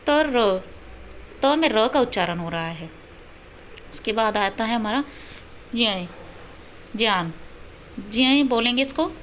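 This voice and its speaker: A woman giving a self-study language lesson, breaking words into their sounds with patient, deliberate explanation. Her voice sits a little high, and a faint hiss lies under the recording. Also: fairly bright tone. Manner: patient explaining, spelling out syllables. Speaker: Sanskrit teacher.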